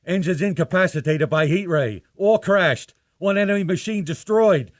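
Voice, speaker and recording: A man's voice: high-pitched, moderate pace, no echo, lightly acted. Actor as urgent, dry-sounding radio-play man. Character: urgent radio announcer and commanding artillery officer. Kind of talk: 1930s radio drama acting.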